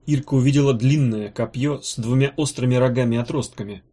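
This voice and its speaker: A man narrating a fantasy novel as an audiobook in a steady, even storytelling manner. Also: medium pitch, fairly quick. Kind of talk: scripted narration.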